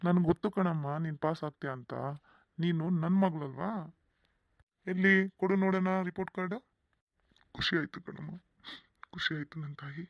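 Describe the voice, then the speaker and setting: Brief: man as a cartoon village father, slightly high, affectionate, dull lo-fi sound. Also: fairly even intonation, moderate pace, pauses often, no room sound, close to an everyday voice. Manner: affectionate, plain village speech. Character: loving village father, soft-hearted, proud of his daughter.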